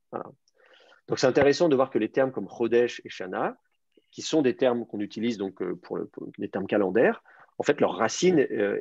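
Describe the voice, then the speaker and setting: A man's voice: fairly low pitch, vocal fry, darkish tone, breathy edge, no room sound. A man teaching an advanced Hebrew class, explaining grammar and word roots with many fillers and restarts. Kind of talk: online language class. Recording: dull lo-fi sound.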